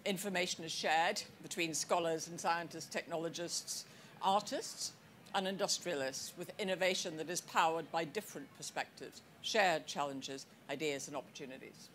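A woman delivering a scripted conference speech, measured and deliberate, with the odd wry aside. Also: sits low, a bit bright, a little hiss or hum. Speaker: conference speaker. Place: conference hall.

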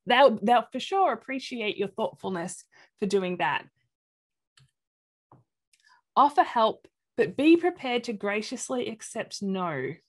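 Aussie woman giving a webinar talk on a webcam, kinda high voice, acts out little quotes. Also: lively intonation, slow pace, pauses often. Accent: Australian. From Australia. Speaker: presenter of an inclusion talk. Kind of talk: webinar presentation.

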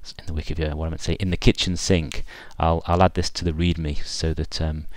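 Man, very low voice, dry close mic; casual screencast demo, thinks aloud. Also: flat delivery, quick pace, dry recording. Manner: thinking aloud with fillers and restarts. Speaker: software developer giving a screencast demo. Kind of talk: unscripted screencast walkthrough.

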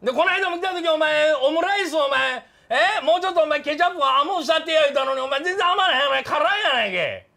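A man with a Kansai accent playing a loud, bullying middle-aged café customer who blusters and threatens in a comedy sketch. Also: very high voice, lively intonation, fast talker, gravelly, few pauses, exaggerated voice. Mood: threatening. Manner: blustering, threatening, keeps saying "you".

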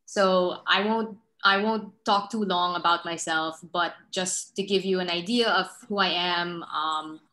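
A young woman speaks in a low-pitched but bright, forward voice. She is friendly and a little self-conscious, and often fills pauses with ums. She talks into a laptop mic in a dim room at home. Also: fairly even intonation, low-quality recording. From Philippines. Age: young adult. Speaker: guest speaker. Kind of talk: casual talk on a video call. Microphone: laptop mic on a video call.

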